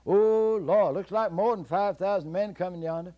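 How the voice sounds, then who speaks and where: A man's voice: expressive, normal speed, lo-fi sound, natural voice. A man voicing Jack, a clever young trickster boy, in a told folktale. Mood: cocky, hollering. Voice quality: high, shouting, boastful drawl.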